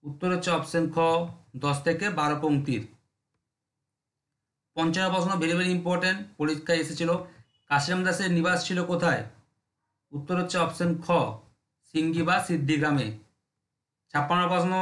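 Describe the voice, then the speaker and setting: Brisk man teaching exam questions. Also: fairly high pitch, fairly bright tone, echoey room. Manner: brisk, drilling, repeats checks with listeners. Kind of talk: rapid MCQ exam lesson.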